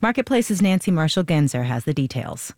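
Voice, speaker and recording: A woman news anchor reading the headlines in a crisp, measured way. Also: low-pitched, very animated, darkish tone, dry recording, clean studio sound.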